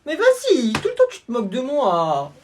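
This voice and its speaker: A man's voice: extremely high pitch, huge pitch swings, moderate pace, darkish tone, slight background noise, voice pushed up, exaggerated voice. A man voicing a whiny little kid who cries and tattles, in a comedy sketch. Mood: whining. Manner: wailing, tattling. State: crying.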